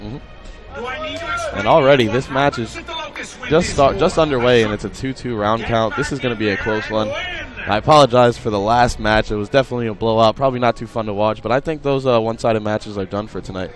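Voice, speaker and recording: Give me a fast-talking young man doing steady color commentary for a gaming tournament. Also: medium pitch. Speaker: esports commentator.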